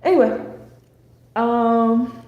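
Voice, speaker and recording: A woman's voice: on the high side, steady tone, drawn-out words, dark tone, highs cut off. An American woman presenting an astrology forecast in a casual, unscripted lecture with a rambling, conversational, digressive manner. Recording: echoey room with faint background noise.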